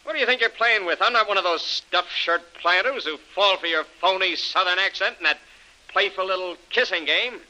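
A man's voice: high-pitched, brisk, pushed and bright, low-quality recording. An actor playing a threatening male villain in a 1930s radio drama, talking in tough-guy slang. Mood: menacing. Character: menacing adult male villain, cold bully.

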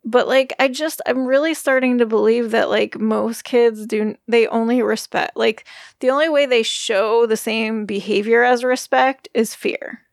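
Gravelly-voiced woman, rambling podcast chat. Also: a little high, fairly even intonation, unhurried, no echo, studio quality. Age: middle-aged. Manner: rambling, many "like" fillers, earnest. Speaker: podcast co-host. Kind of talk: casual chat. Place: bedroom at home.

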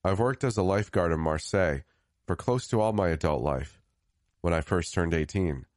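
A man reading a scripted first-person horror story in a grave, measured way, lifting the start of each new phrase. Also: low-pitched, darkish tone, no echo, studio quality. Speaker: storyteller narrator.

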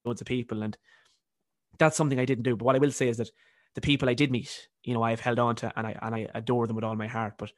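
A man in his early twenties with a softened Cavan Irish accent, speaking reflectively in an interview and repeating words as he thinks. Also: medium pitch, little pitch movement, quick pace, no room sound, studio quality. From County Cavan, Ireland. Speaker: podcast guest, university student.

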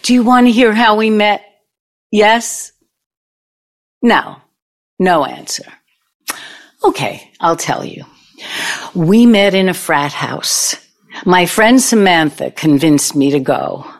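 A spiteful former lover, voiced by an actress in a radio-style audio play. She tells her story slowly and with relish, in a somewhat low voice. She drags the words out to needle her listener. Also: expressive. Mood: scornful. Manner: slow, taunting storytelling. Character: bitter middle-aged woman, ex-girlfriend seeking revenge. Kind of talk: amateur radio drama acting.

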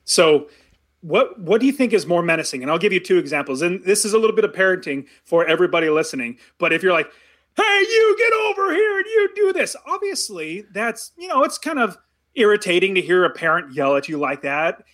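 A middle-aged man co-hosting a podcast in casual chat, animated and acting out parents yelling. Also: sits high, fast. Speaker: podcast co-host.

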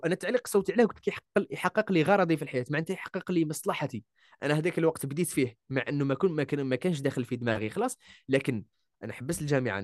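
A man's voice: fairly high pitch, dry recording, studio quality. A young man with an Algerian Arabic accent, a voice-over artist talking casually as a guest, emphatic and repeating key words. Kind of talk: casual interview chat.

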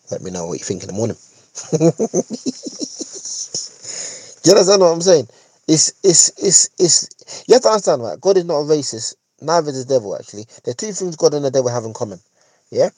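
Mellow, husky London roadman, talking casually. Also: mid-range voice, no echo. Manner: urban London street slang; emphatic, repeats phrases, seeks agreement with tag questions. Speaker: podcast host. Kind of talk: casual opinionated monologue.

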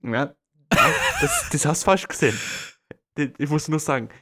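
A man's voice: fairly high pitch, huge pitch swings, normal speed, sharp tone, slightly rough. A young man co-hosting a casual comedy podcast, teasing and mock-serious. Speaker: podcast co-host.

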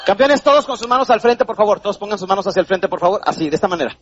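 A man's voice: sits high, racing, highs cut off, a little hiss or hum. A Mexican man giving a live motivational seminar talk in a hall, theatrical, acting out little voices and quizzing his audience. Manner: animated, theatrical, acts out voices and questions the audience. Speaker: motivational speaker.

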